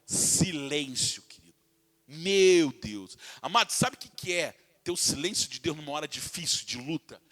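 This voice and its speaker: A Brazilian pastor with a high voice preaches with passion. He often speaks to his listeners as dear ones. His tone is bright and forceful. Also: expressive, moderate pace. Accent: Brazilian Portuguese. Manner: impassioned preaching, calls listeners "querido", acts out voices from the text. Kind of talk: sermon.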